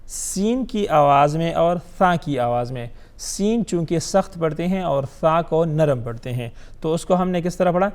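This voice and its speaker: A man's voice: on the high side, animated, a little mellow, clean tone. Male Quran teacher drilling letter sounds. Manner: drills Arabic letters slowly, then explains quickly; asks questions of the viewer, then answers them himself. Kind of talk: Quran recitation lesson.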